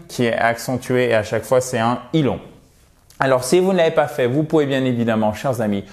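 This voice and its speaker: A man's voice: medium pitch, darkish tone. A man teaching a pronunciation lesson, repeating words in careful drills and speaking straight to his viewers with a light teasing tone. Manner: slow, drilled repetition with pauses; addresses viewers directly and teasingly. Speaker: English teacher.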